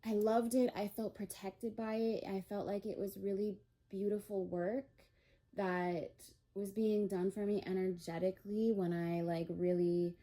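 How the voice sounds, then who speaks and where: Slow, mellow-voiced woman giving a spiritual reading. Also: mid-range voice, little pitch movement. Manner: emotional, rambling with many fillers. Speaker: tarot reader.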